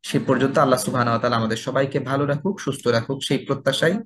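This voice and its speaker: Guy teaching recitation rules, middle pitch, explains step by step, says each example word real slow and drawn out. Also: steady tone, fairly bright tone, slight background noise. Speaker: tajweed teacher. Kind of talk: religious lesson with recited examples.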